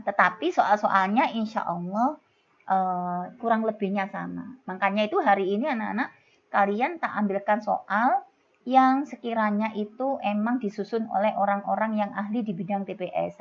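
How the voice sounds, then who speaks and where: A middle-aged woman teacher with a Javanese accent, explaining exam material in a chatty, teasing way and calling her students kids. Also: fairly high pitch. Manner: chatty, scolding-playful, calls students "kids". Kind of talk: exam-prep lesson. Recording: dull lo-fi recording.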